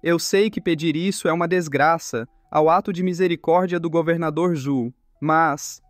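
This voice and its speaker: A humble old clan elder who begs in a formal, earnest way, as a man reads him in a comic recap. The voice sits fairly high and plain, with soft music underneath. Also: normal speed, no echo, clean studio sound, lightly acted. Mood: pleading.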